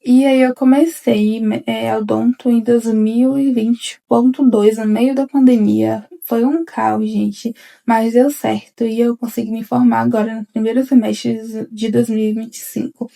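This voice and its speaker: A young woman in her twenties speaks straight to camera in a casual, confessional vlog, her slightly high voice carrying a gravelly fry and a dark, mellow tone. She rambles, restarts her sentences and keeps turning to her viewers as if chatting with friends. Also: steady tone, measured pace. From Bahia interior, Brazil. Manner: rambling, repeats "gente" often, frequent restarts. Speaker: vlogger, newly graduated dentist.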